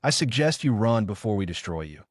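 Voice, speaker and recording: A man's voice: on the low side, very animated, a little fast, no echo, studio quality. A man reading a brash, menacing teen ninja boy.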